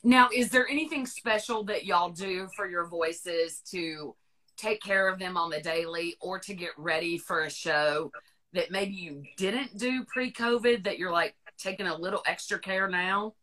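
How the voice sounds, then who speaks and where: Bright-voiced Southern woman host. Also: fairly low pitch, a little slow, low-quality recording. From North Carolina. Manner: chatty, friendly, rambling questions. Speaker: podcast host. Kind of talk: casual interview chat.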